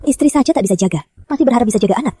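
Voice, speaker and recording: A woman's voice: fairly high pitch, lively intonation, mellow, slightly rough. An actress dubbing a middle-aged mother who scolds her sons and gives firm orders. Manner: brisk, scolding, commanding. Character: middle-aged mother, sharp-tongued and decisive. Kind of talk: dubbed short-drama acting.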